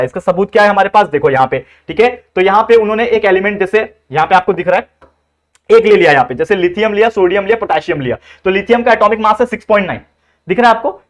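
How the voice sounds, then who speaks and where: A young male tutor rattles through an exam revision at a quick clip. His voice sits high and light. He coaxes his students along in a chatty way, dropping terms into his explanations. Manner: chatty, coaxing, mixes Hindi with English terms. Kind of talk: fast exam revision lesson.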